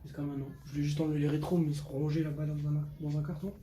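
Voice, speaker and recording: Racing through his words, a fifteen-year-old Portuguese boy presents his motorbike in a casual vlog. His mellow voice is on the high side and his tone level, with slang and repeated words for emphasis. Background noise is audible in a clear recording.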